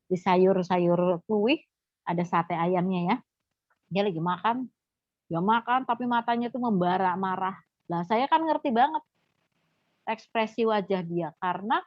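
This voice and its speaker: A woman who is a doctor, giving an animated testimony in a church teaching and acting out the voices she quotes. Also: mid-range voice, dry recording. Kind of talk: sermon testimony. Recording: dull, dry lo-fi recording.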